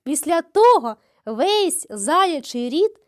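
High, animated woman telling a fairy tale. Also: slow pace. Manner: expressive, animated storytelling. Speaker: kindergarten teacher. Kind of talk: fairy tale reading for preschool children.

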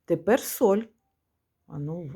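A woman music teacher giving a one-on-one lesson, patiently prompting her pupil and chanting rhythms slowly. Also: fairly low pitch, lively intonation, dark tone, slightly rough.

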